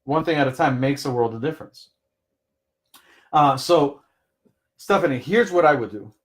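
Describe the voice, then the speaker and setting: During a live coaching session, a man offers business advice at a moderate pace and medium pitch. It's casual, conversational talk built on personal examples, and he frequently asks "right?" to check in.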